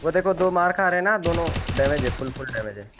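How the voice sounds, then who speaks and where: A young man on voice chat with his squad, giving urgent rapid tactical orders. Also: fairly high pitch, lively intonation, background noise. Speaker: squad teammate. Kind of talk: gaming voice chat. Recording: game gunfire clearly behind voice chat.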